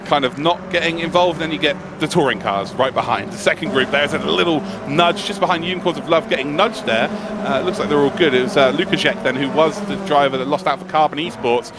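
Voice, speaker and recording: Very fast-talking male motorsport commentator. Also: a little high, heavy background noise. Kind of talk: live esports sim racing analysis.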